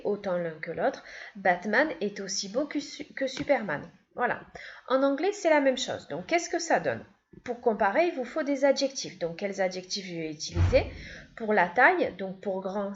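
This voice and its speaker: A woman teaching an English grammar lesson, patiently repeating each step. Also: mid-range voice. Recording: dull, lo-fi sound.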